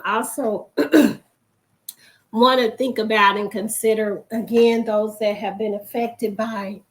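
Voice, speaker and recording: A woman with a mid-range voice hosts a faith broadcast, offering a reflective, encouraging talk. She is hoarse and losing her voice, frequently clearing her throat.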